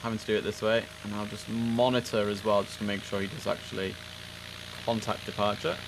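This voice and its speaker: Over noticeable vehicle ambience and a noisy background, a male game streamer chats informally through tower control work in an air traffic control simulator, thinking aloud as he plays. His voice is fairly low, fairly quick, and shows little pitch movement.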